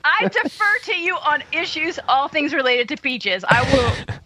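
A woman's voice: high voice, normal speed. A woman from the American South co-hosting a podcast in a playful, casual chat. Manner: lively, playful, laughs often. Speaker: podcast co-host.

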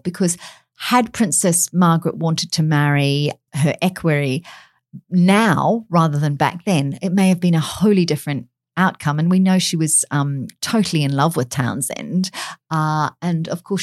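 A woman's voice: low-pitched, moderate pace, no room sound, clean studio sound. A woman chatting as a royal commentator, talking through frequent fillers and restarts. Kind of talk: casual radio chat.

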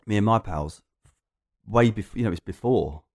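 A man's voice: fairly low pitch, normal speed, darkish tone. A man with an Essex accent telling anecdotes in a casual chat, in a rambling, jokey way. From Essex, England. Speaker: podcast guest.

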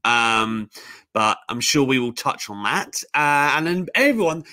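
Lively, bright-voiced podcast host man. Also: medium pitch, unhurried, no room sound, clean studio sound. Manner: lively, teasing. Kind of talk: casual chat.

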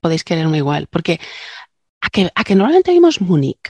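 A woman's voice: fairly low pitch, very animated, fairly quick, darkish tone, no room sound, studio quality. A woman co-hosting a casual science podcast, a linguist who chats, jokes and explains things with digressions. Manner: chatty, joking, explains with digressions.

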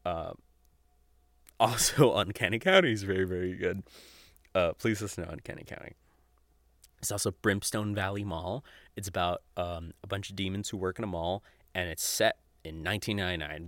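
Chuckling frequently and dropping the odd swear word, this man in his twenties casually recommends podcasts without a script as host. His low voice moves at normal speed, fairly bright, in a dry recording.

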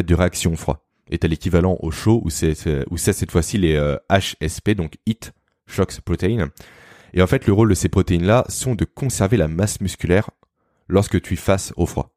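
Fast-talking man with a deep voice. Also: dark tone, dry recording, studio quality. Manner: fast, didactic, addresses the listener informally. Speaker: guest explaining health topics. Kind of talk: explanatory podcast talk.

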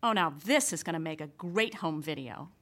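A woman playing an excitable amateur camerawoman in a sitcom radio play, talking in breathless running commentary. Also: low-pitched, moderate pace. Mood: excited commentary. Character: excitable woman filming a stakeout.

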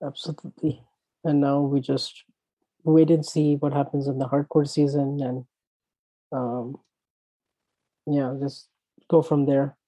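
A man co-hosting a casual tennis chat, thoughtful and often trailing off softly. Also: medium pitch, little pitch movement, measured pace, pauses often, dry recording, poor audio. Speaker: podcast co-host.

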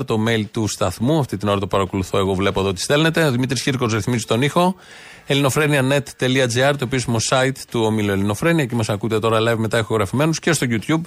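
A man running a call-in radio show, brisk and announcing, with a mid-range voice. His studio microphone sounds dry and close. He moves quickly from one plug to the next. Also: medium pitch, no echo.

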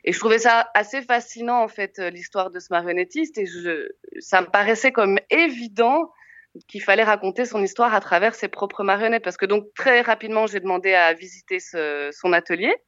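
A Belgian woman film director with a Belgian French accent answers interview questions hesitantly, using many fillers and restarting often. Her voice is medium-pitched and fairly bright, delivered at a moderate pace, on a lo-fi recording with no echo.

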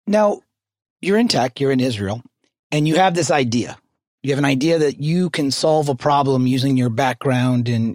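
A man's voice: mid-range voice, a little mellow, dry recording, clean studio sound. A man hosting a podcast, reading a polished scripted intro and then asking curious interview questions. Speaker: podcast host.

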